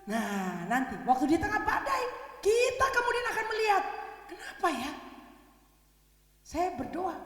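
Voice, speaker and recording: A woman with a high voice preaches in a casual, chatty way, often asking her listeners to agree and laughing easily. Her voice reaches the microphone from some distance. A long echo from the large worship hall trails behind her words. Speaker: preacher at a women's worship service. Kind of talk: conversational sermon.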